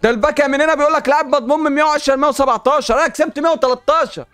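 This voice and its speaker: A gaming YouTuber with an Egyptian Arabic accent gets excited as he opens packs in a video game, exclaiming and talking back at it. His voice is very high and very fast, and the recording is dry.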